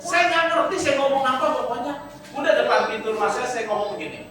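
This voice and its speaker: A male pastor preaching a sermon in a church, telling stories in a lively, conversational way. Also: very high voice, fast talker. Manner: lively, conversational, animated storytelling. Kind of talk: sermon with storytelling. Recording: echoey church hall from far off.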